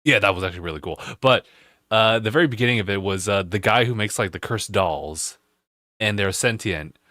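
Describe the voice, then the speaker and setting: A man co-hosting a gaming podcast, explaining things casually with pauses. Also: fairly low pitch, sharp tone, no room sound, clean studio sound. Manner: measured, explaining with pauses and fillers. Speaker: podcast co-host. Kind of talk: casual chat.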